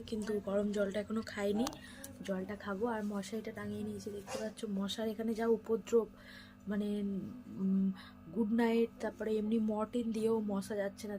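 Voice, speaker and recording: A woman speaking quietly in her bedroom at night during a family vlog, keeping her voice down next to a sleeping child. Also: mid-range voice. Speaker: vlogger. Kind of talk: hushed bedtime vlog chat.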